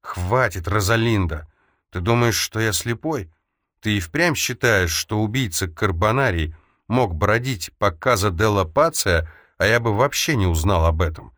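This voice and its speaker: A man's voice: on the low side, animated, unhurried, fairly bright tone, dry recording, clean studio sound. A man reading the lines of an angry young man who speaks in an icy, accusing tone. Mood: icy fury. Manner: icy, furious.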